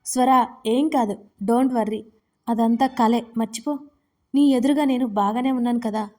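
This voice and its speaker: A woman's voice: a little high, fairly even intonation, measured pace, warm tone, close to an everyday voice. A woman voicing a troubled young man, speaking in a choked, desperate way. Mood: reassuring.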